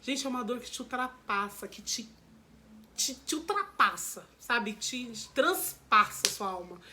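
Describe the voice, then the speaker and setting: A Brazilian woman with a fairly high voice speaks straight to her viewers and tells a painful personal story. She talks candidly and with emotion, and she often circles back to repeat a point. A faint hum sits behind her voice. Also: expressive, a little slow. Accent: Brazilian Portuguese. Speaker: vlogger.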